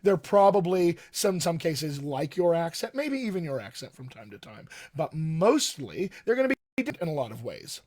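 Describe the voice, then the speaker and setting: Livestreaming from his indoor home study with bookshelves, this Colorado-raised dialect coach in his thirties coaches with enthusiasm and keeps repeating key points. His accent is mainly General American with hints of West Texas and upstate New York, and his voice is on the high side, a little mellow, with big pitch swings, a moderate pace and few pauses.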